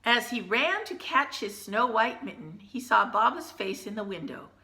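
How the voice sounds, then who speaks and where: A woman teacher reading a children's picture book aloud, gently pausing to point out the pictures in hushed asides. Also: on the high side, big pitch swings, reverberant.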